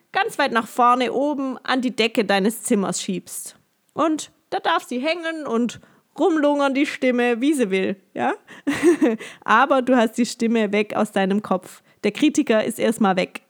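A woman, a yoga teacher and coach, calmly guiding listeners through a coaching exercise with many gentle questions and frequent light laughs. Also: a little high. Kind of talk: guided coaching exercise, podcast.

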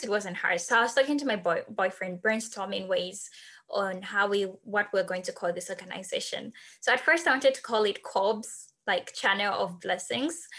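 A woman in her twenties from Zambia, a podcast guest earnestly telling the story of founding her organization. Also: mid-range voice. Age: 20s. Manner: earnest, animated when recounting. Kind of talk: podcast interview, personal storytelling.

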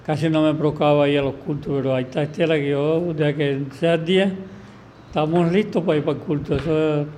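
A man's voice: a little high, fairly even intonation, a little fast, darkish tone, slight background noise. A man giving a simple, plain-spoken religious testimony in short answers. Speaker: church member giving testimony.

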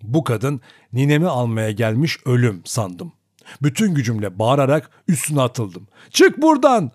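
Man with lively audiobook narration. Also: medium pitch, normal speed, husky, dry recording. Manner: expressive, dramatic storytelling.

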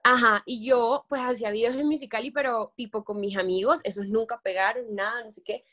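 A woman's voice: fairly high pitch, fairly quick. A young woman from Colombia's Caribbean coast, a guest chatting casually and acting out quotes. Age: young adult. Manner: chatty, quotes people in lively voices. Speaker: guest, content creator. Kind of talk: casual interview chat.

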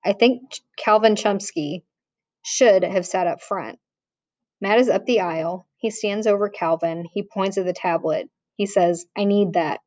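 A woman reading a novel aloud in a plain, measured way, with small restarts. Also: medium pitch, darkish tone, no room sound. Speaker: audiobook narrator. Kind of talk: audiobook reading.

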